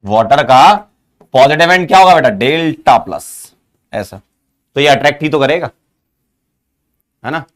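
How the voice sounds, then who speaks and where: Man teaching chemistry, coaxing, higher voice. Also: expressive, normal speed, pauses often. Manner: coaxing, asks students questions and praises them. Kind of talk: online chemistry lesson.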